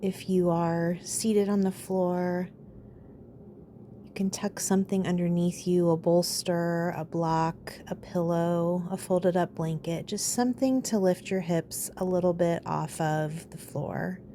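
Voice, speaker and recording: A woman guides a meditation, speaking calmly and soothingly at an unhurried pace with pauses between phrases. Her pitch sits on the low side, and a faint hiss or hum runs underneath.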